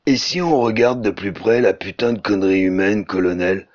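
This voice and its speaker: Blunt, crude soldier reporting to his colonel, done by a man, with a low voice. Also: normal speed, a little mellow, highs cut off, close to an everyday voice. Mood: baffled.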